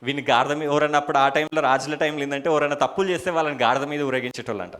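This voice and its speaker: A man preaching a church sermon in a Telangana Telugu accent, with shouted hallelujahs and rhetorical questions. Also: a little high, fairly even intonation, very fast. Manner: soft murmured prayer at the start. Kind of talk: church sermon with opening prayer.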